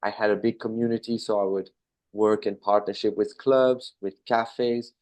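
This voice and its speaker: Answering interview questions in an easygoing way, a man in his thirties from Belgium, a business owner with a Belgian accent, leans on fillers and corrects himself now and then. His pitch is fairly low and his pace moderate.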